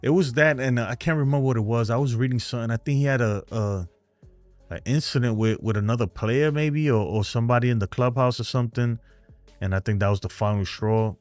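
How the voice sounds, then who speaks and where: On a fan live stream, a host with a New York accent chats loosely, rambling as he responds to viewer comments in a talkative, frank way. His mid-range voice is a little mellow and fairly quick. There's no echo, and soft music plays in the background.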